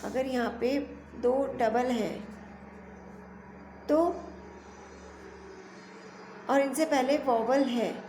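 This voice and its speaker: A woman teacher works through a grammar lesson, reading each rule slowly and then explaining it in quick bursts. She spells words out letter by letter in a slightly high voice. The room is echoey, with a faint hum behind her. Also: mellow. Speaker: school teacher.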